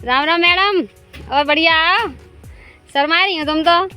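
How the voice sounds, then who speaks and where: A woman's voice: extremely high pitch, unhurried, pushed and bright, soft background music. A woman chatting casually and laughing often as she films a vlog outdoors in the fields. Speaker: vlogger.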